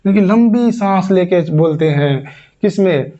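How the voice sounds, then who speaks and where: Here the teacher's voice is high, expressive and a little slow, with a dark tone. He walks through a grammar lesson one step at a time, going back over points and asking and answering his own questions, captured on a dull lo-fi recording.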